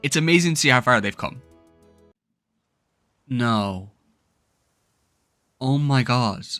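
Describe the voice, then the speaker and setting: Bright-voiced excitable young man gaming. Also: mid-range voice, slow, clean tone, dry recording, soft background music. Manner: excitable, emotional reactions to the game. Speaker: gaming YouTuber. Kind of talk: gameplay commentary and recap narration.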